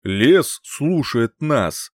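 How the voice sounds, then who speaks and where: Guy doing old wizard singer, slow, calm, kinda scornful, lively up and down, dry close sound. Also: mid-range voice, no echo. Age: older. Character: wise old male singer-sorcerer, calm, mocking.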